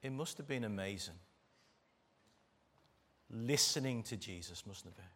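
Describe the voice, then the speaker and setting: A man's voice: on the low side, lively intonation, a little slow, a bit bright. A man with an English East Midlands accent from Derbyshire, preaching a church sermon in an emphatic way, repeating phrases for weight. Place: speaking live to a church congregation.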